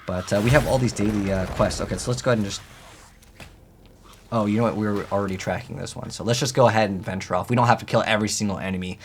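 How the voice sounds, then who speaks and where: Hosting a gaming video, a man gives casual, rambling, conversational commentary on the gameplay. His voice is on the low side and steady in tone, and he talks fast. Video game music plays behind him, along with a little hiss or hum.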